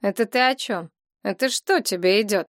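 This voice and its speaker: A woman voicing a surly, bossy young male thug in an audiobook, speaking curtly and gruffly. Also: mid-range voice, normal speed, fairly bright tone, no room sound, clean studio sound, close to an everyday voice. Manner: gruff, curt commands.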